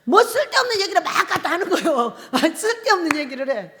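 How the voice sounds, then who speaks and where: A woman's voice: very high-pitched, very animated, quick pace, fairly bright tone, big-room sound. A woman pastor preaching a sermon in a church, joking and laughing often as she speaks and acting out little dialogues between husband and wife. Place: church sanctuary.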